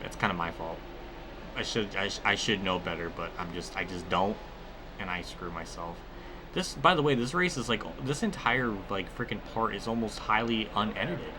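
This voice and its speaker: A man's voice: on the low side, expressive, normal speed, noisy background. A man giving casual commentary over a racing video game, rambling and often cutting himself off with exclamations. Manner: rambling, self-interrupting, exclamatory. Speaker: gaming video host.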